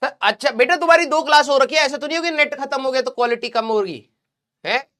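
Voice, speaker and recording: A man's voice: very high-pitched, quick pace, pushed and bright. A young man teaching a live online physics class in a chatty, joking way, teasing his students. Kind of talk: casual live class lecture.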